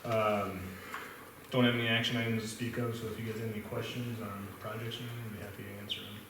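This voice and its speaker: A man's voice: lowish voice, level tone, fast talker. A man, the city engineer, giving a casual report and answering questions at a council meeting, hesitating with ums. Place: council chamber. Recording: echoey hall recorded from far off, noisy.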